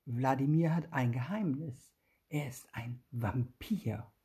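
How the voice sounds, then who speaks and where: Woman storyteller for a children's book, husky, lowish voice, gentle and expressive.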